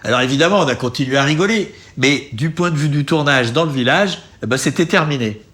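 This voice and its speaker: A man's voice: a little high, fast, a bit bright. A man hosting a travel show, narrating in a casual, chatty way and often laughing.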